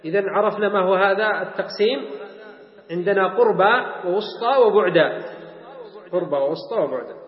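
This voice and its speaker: A man's voice: high-pitched, a little fast, long pauses. A man teaching a classical Arabic grammar lesson, stressing example words and repeating them. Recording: echoey hall, dull lo-fi sound.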